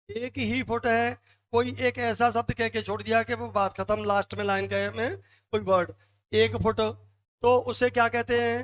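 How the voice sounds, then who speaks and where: एक पुरुष अंग्रेज़ी साहित्य के शिक्षक, जो कक्षा में कविता के मीटर पर व्याख्यान देते हैं और बार-बार सवाल पूछकर ख़ुद ही जवाब देते हैं, फ़ुट एक-एक करके गिनते हुए।. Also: male voice, very high voice, fairly bright tone. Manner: asks the class questions and answers them himself, counts out feet one by one. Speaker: English literature teacher. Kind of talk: classroom lecture.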